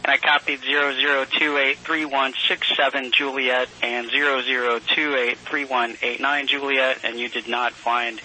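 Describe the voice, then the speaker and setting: A man's voice: mid-range voice, level tone, moderate pace, few pauses, pushed and bright. A man working as a mission control communicator, speaking in formal procedural calls and readbacks over a hissy space radio link. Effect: crackly space radio link.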